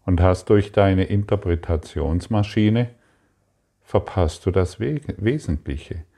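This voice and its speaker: Slow, deep-voiced man teaching spirituality. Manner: calm, repetitive, addressing the listener directly. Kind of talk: spoken spiritual lesson.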